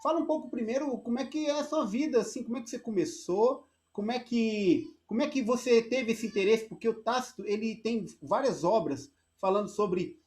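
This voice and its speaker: A man's voice: very high-pitched, brisk, few pauses, a little mellow. Friendly Brazilian man asking rambling questions. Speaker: interviewer, host. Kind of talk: casual interview.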